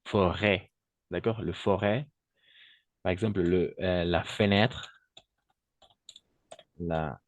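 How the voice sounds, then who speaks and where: Slow, low-voiced man teaching French. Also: steady tone. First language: Spanish. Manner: patient, repeats words slowly and checks with "d'accord?". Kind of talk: online language lesson.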